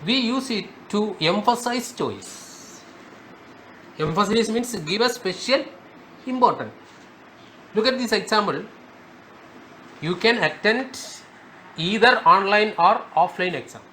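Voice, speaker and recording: Slow, high-voiced man teaching grammar. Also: animated, sharp tone, a little hiss or hum. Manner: slow, emphatic, repeats key words. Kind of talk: spoken grammar lesson.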